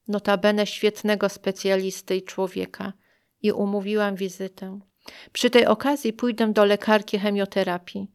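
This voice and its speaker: Woman narrator, first-person memoir, quiet and reflective, smooth clear voice, mid pitch. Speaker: narrator of her own story.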